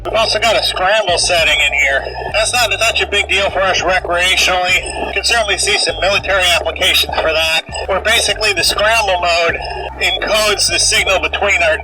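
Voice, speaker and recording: A man's voice: high voice, fairly quick, far from the mic. A man demonstrating diving gear, his voice muffled inside a full-face scuba regulator mask. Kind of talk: product demonstration narration. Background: music.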